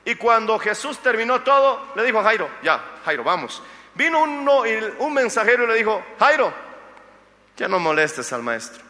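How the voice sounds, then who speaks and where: A male pastor preaches a sermon, acting out the Bible story and joking with his listeners. His voice is high and swings widely in pitch. It carries a long reverb from a large hall. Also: moderate pace. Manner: animated storytelling, acts out the Bible figures' lines; jokes with the congregation.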